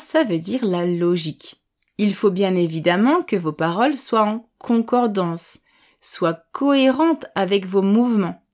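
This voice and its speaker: A woman gives a vocabulary lesson, taking each word in turn and explaining it with patient, everyday examples. She speaks slowly and distinctly so that learners can follow, in a clear mid-pitched voice. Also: darkish tone. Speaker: French language teacher.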